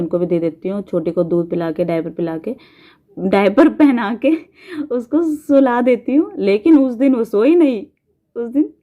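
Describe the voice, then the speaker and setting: A woman's voice: medium pitch, phone-quality sound. A woman from India, probably in her thirties, telling a personal story to her viewers in a chatty, rambling way with frequent laughs. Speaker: vlogger. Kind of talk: casual storytelling.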